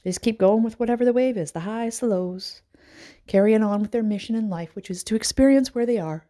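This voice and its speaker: A middle-aged woman, a life coach, musing aloud in a rambling personal monologue with sighs and pauses. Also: a little high, mellow.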